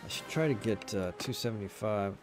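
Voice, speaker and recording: A man's voice: on the low side, brisk, over loud music. A man streaming a game, chatting casually and talking to himself and his viewers as he plays. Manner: rambling self-talk to viewers. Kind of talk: casual gameplay commentary. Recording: loud game noise behind.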